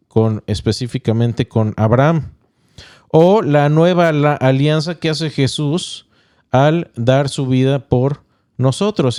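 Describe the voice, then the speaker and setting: Male pastor-host, mellow and resonant, measured teaching delivery with small restarts. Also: mid-range voice, smooth, no room sound, clean studio sound. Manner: explains point by point, checks in with listeners. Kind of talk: teaching podcast talk.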